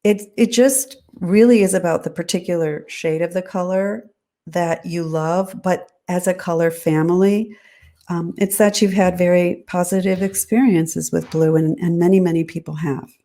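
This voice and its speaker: Woman, interview guest, low warm voice, measured, thoughtful explaining. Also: fairly even intonation. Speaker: color designer, guest. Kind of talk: interview answers.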